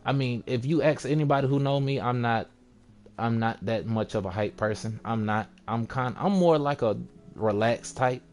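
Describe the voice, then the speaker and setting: A man's voice: mid-range voice, normal speed, a little mellow, soft background music. Laid-back young man ranting casually. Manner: laid-back, rambling, sarcastic mock voices. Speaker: vlogger. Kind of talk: casual rant to camera.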